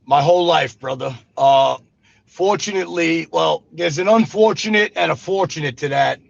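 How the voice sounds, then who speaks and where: Speaking at a normal pace in a voice on the high side with vocal fry, a Brooklyn man in his fifties shares his life story as an interview guest. He used to be a gangster and talks like the street, saying "brother" and "you know what I mean." There's no echo, just a dull, dry lo-fi recording.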